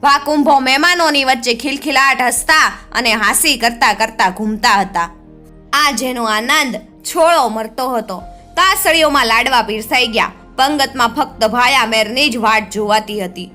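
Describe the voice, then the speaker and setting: Bright-voiced woman telling a folk tale. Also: on the high side. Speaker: storyteller.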